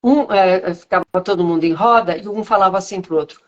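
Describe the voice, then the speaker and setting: Animated storytelling woman guest. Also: medium pitch, a little fast, lo-fi sound. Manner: lively storyteller with animated, shifting intonation. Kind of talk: casual video-call conversation.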